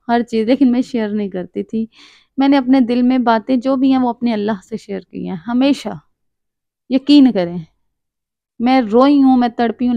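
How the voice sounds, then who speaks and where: A woman's voice: a little high, gravelly, dark tone, no echo. A young woman from Pakistani Punjab telling a personal story in an earnest, reflective and advising way. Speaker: storyteller and author. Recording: dull, dry lo-fi recording.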